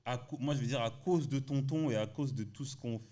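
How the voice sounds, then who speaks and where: A man from France, a podcast guest, telling a story in lively, slangy casual chat. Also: mid-range voice, brisk.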